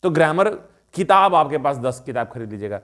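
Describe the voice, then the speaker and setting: A man's voice: a little high, sing-song, a little fast, fairly bright tone. A man teaching a spoken English lesson in a chatty, coaxing way, often calling to his viewers as friends. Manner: chatty, repeats a friendly term of address.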